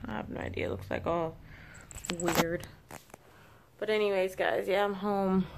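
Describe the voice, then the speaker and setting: A woman's voice: fairly low pitch, creaky, a little mellow, slight background noise. A young woman vlogging in a casual, rambling way. She uses lots of fillers and talks into a handheld phone camera as she moves from a mall to her home. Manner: chatty and rambling, with many fillers. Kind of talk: casual vlog chat. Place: shopping mall, then at home. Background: music.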